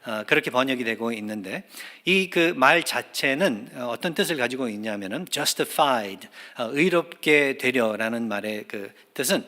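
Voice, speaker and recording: A male pastor preaching a sermon in earnest, hesitant speech, filling pauses with drawn-out "ah" and "uh" and repeating key phrases for emphasis. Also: mid-range voice, animated, pushed and bright. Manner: hesitant, with many drawn-out "ah" and "uh" fillers. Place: church sanctuary. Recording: long church hall reverb.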